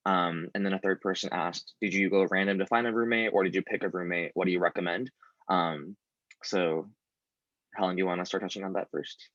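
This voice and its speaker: Young man, very low voice, dry dull sound, panel moderator reading questions. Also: fairly even intonation, a little fast, a bit bright, no room sound. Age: young adult. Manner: organized, reads out audience questions. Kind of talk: casual panel talk.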